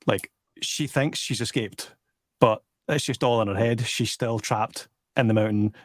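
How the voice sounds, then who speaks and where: A man's voice: mid-range voice, unhurried, no room sound. A man with a Scottish accent chatting casually about films, hesitating and repeating words as he goes. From Scotland. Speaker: YouTube film discussion panellist. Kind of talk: casual film chat.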